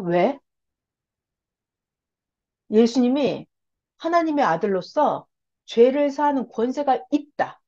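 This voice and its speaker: A woman's voice: a little high, darkish tone. A woman giving a Bible lecture in sermon style, firing rhetorical questions and answering them herself with emphatic repetition. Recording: dull lo-fi recording.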